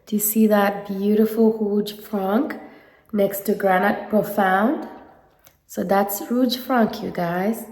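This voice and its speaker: A woman's voice: mid-range voice, fairly even intonation, slow pace, darkish tone, roomy sound, in a large hall. Nasal, sick woman gushing over makeup. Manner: gushing, enthusiastic. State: nasal head cold. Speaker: beauty vlogger. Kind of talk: casual makeup review.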